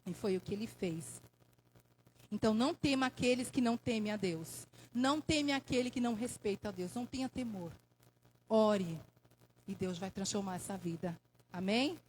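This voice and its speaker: A woman's voice: mid-range voice, normal speed, darkish tone, a little hiss or hum, rough recording. A Brazilian woman giving an emotional testimony in church, preaching with fervor and calling for amens. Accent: Brazilian Portuguese. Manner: impassioned, preaching with call-and-response "amém".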